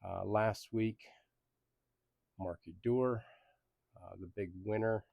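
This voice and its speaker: A man's voice: on the low side, steady tone, takes it slowly, gravelly, dry recording, lo-fi sound. A man who grew up in Belgium and Germany, hosting a casual sports league recap in an easygoing, rambling way with many ums. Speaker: league host.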